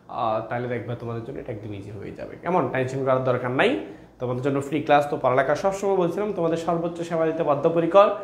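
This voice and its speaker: A man's voice: fairly high pitch, reverberant. A young man teaching an online grammar class in a chatty way, repeating his questions and calling students brother. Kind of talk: online exam-prep class.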